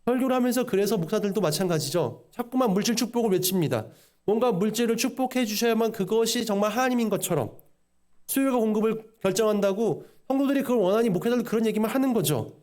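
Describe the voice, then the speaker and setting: A man preaching a sermon as pastor, voicing quotes and questions along the way. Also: sits high. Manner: preaching with quick, animated delivery and voiced quotes.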